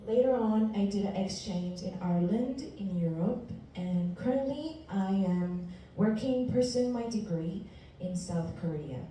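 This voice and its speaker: A native Spanish speaker from Ecuador, a university student in her twenties, delivers a prepared class presentation in an earnest, deliberate way. Her medium-pitched voice is very dark and relaxed, captured from some distance in a reverberant room with faint noise.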